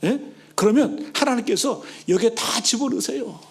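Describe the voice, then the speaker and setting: A male pastor preaches in a church with a high, raised voice and a gravelly edge. He presses his points with emphasis, sinks into hushed whispers on key phrases, and keeps asking the congregation questions. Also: animated, normal speed. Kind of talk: sermon. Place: church sanctuary.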